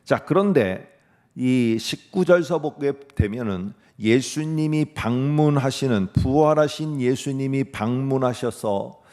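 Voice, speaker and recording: A man's voice: medium pitch, measured pace, a little mellow. Man preaching with rhetorical questions. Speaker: pastor. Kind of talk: sermon.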